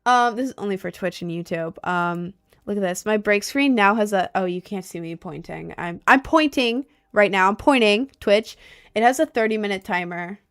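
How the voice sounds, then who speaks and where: A woman's voice: mid-range voice, normal speed, clean tone. Young woman rambling on a livestream. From United States. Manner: rambling, chatty, fillers like um and like. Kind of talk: casual stream chat. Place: home streaming desk.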